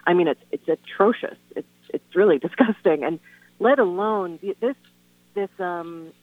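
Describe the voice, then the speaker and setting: A woman speaking over the phone as a guest on a call-in radio show, earnest and halting, with lots of "um" and "you know". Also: on the low side, no room sound. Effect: heard over the phone. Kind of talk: casual radio phone interview. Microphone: telephone. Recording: tinny, dry phone line.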